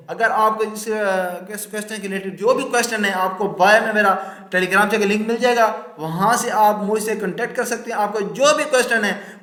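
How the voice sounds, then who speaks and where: A man who teaches chart patterns to beginners, talking fast with many fillers and restarts. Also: high-pitched, fairly bright tone. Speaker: trading teacher. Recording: echoey room.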